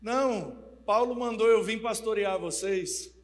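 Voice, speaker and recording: Brief: man playing a shy young pastor, earnest and meek, high voice, echoing hall. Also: unhurried. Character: young timid male pastor, newly sent. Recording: reverberant church hall.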